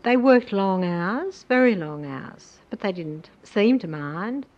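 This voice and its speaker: An older woman slowly recalling earlier decades in an interview. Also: medium pitch, expressive. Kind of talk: reminiscing interview. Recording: muffled distant archival recording.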